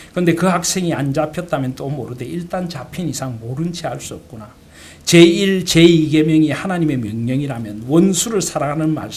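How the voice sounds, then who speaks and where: A man's voice: on the high side, darkish tone, natural voice. A man voicing a steadfast father and pastor who speaks to his daughter with an earnest, firm tone during a sermon.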